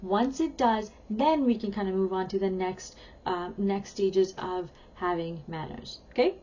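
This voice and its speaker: Chatty lady teacher giving parenting tips, warm mellow voice, kinda muffled audio. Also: medium pitch. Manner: upbeat, chatty, leans on key words. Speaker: parenting educator. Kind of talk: talking-head teaching video.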